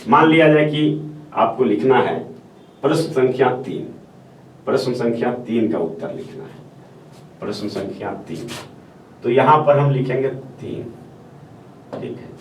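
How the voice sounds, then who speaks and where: A man's voice: medium pitch, animated, a little slow, long pauses. A male teacher giving a step-by-step classroom lecture on answer writing, repeating phrases and checking in with the class as he goes. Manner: explains step by step, repeats phrases, often says "ठीक है". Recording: echoey room, voice from far off, faint hiss.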